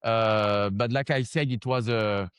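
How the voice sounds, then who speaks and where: A man's voice: lowish voice, steady tone, unhurried, clean tone, dry recording, clean studio sound. A man with a French accent answering interview questions in broken English, searching for words and slipping on grammar. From France. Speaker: founder of a gym franchise, interview guest.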